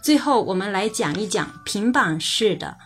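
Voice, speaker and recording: A woman gives a pronunciation lesson in a level, middle-pitched voice. She talks patiently and carefully, saying each example word several times over so listeners can practice. Soft music plays faintly underneath. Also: animated. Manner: patient, repeats example words slowly for practice. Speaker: language teacher. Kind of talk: explaining Japanese pitch accent.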